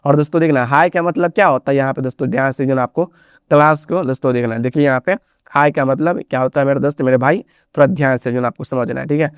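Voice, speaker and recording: Repetitive male phonics teacher, smooth voice. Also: mid-range voice, steady tone, quick pace, dry recording, clean studio sound. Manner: repetitive, drills words with rhetorical questions; constant filler phrases. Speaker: English reading teacher. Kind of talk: Hindi phonics lesson for beginners.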